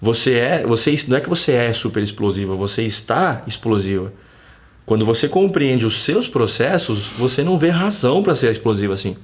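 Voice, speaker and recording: At a slightly fast clip, a man with a Brazilian accent and a typical mid-range pitch chats on a casual stream from his house. He tells a story in an energetic, slang-heavy style, acting out bits of conversation along the way.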